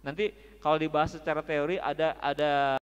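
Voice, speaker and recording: A man teaching Quran recitation at a mosque study session, chatty and joking, drilling the audience with slow, drawn-out recitations. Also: fairly high pitch, little pitch movement, smooth, dull audio.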